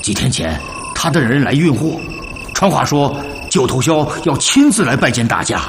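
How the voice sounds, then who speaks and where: An actor playing an older captured bandit lieutenant in a TV drama, wily and deferential, speaking with theatrical earnestness. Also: male voice, mid-range voice, big pitch swings, normal speed, music in the background. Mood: confiding, resigned. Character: captured old male bandit second-in-command, wily, deferential, pleading. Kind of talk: television drama acting.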